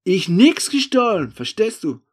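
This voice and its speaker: A man's voice: sits high, normal speed, darkish tone, voice pushed up. A man voicing a nervous, shifty male street thief of about forty who speaks in broken German, agitated and pleading.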